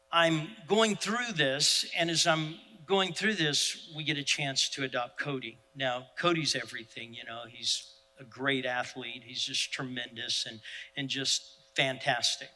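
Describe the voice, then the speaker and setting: A male pastor, preaching in an animated, self-deprecating storytelling style. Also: mid-range voice, unhurried, big-room sound, low-quality recording. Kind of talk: sermon storytelling.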